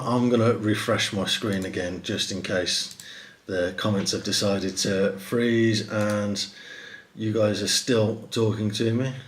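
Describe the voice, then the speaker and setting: Guy chatting on a live stream, loose and friendly, lots of ums, middle-aged. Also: lowish voice. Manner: chatty, with many fillers and restarts. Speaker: host of a live stream for a prize-draw site. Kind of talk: casual live stream chat, reading comments.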